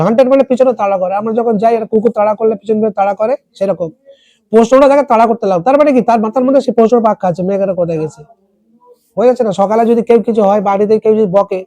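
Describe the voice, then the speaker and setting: A tutor explaining an English text in Bengali, reading lines slowly and asking students word meanings. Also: female voice, mid-range voice, dark tone, no room sound. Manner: asks students questions and repeats word meanings. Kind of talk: classroom lesson explaining a text.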